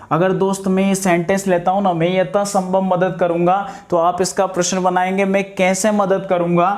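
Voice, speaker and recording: A man teaching a grammar lesson for exam preparation, asking questions and answering them himself, drawing out key terms slowly and addressing viewers as friends. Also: sits high, darkish tone.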